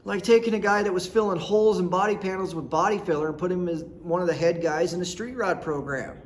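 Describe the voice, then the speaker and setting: A man in his thirties from rural Nebraska hosts casual storytelling, sharing personal tales in a blunt, folksy, rambling style. He talks fast in a high voice, with a little hiss or hum.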